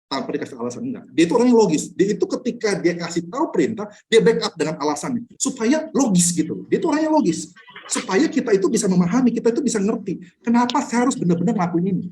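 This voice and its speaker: A male pastor teaching a Bible study in a loose, conversational way, speaking. He talks fast and his pitch swings widely. He is blunt and keeps throwing rhetorical questions at his listeners. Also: very animated, darkish tone. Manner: chuckles between points. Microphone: online class recording.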